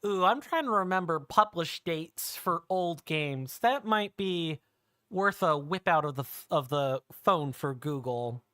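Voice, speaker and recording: Streamer, 30s, bright voice, rambling self-correcting chatter over gameplay. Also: medium pitch, animated, a little slow, no room sound, clean studio sound. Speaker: streamer playing a video game. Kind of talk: casual let's-play chat.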